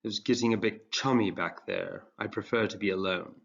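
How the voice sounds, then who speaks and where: A man doing a droning, breathy teenage goth. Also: lowish voice, fairly even intonation, fairly quick, fairly bright tone, muffled recording. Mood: aloof.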